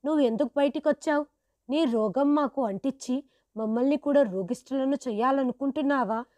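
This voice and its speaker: A woman voicing a cold, scornful daughter-in-law who shouts at her sick father-in-law in a storybook tale. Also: high voice, steady tone, normal speed, dry recording, pitched above the performer's own voice, close to an everyday voice. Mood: contemptuous. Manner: shouting, contemptuous.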